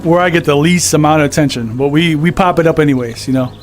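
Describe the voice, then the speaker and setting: Soft background music plays as a man with a slightly high voice talks quickly on a live game stream. Breathless from a VR treadmill at his home gaming setup, he reads out viewer comments and casually answers them.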